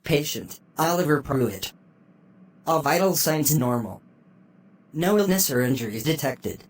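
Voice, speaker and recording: Brief: a gentle care robot, a calm, polite doctor computer, mid-pitched, formal and measured. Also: a little hiss or hum. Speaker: infirmary computer.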